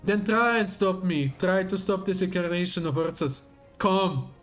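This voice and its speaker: A man acts out a grandiose warlord villain from a video game. The delivery is slow, theatrical and full of menace, every phrase declaimed with zeal. The voice sits a little high, with faint music underneath. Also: fairly bright tone. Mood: challenging. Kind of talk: dramatic read-aloud of video game villain dialogue.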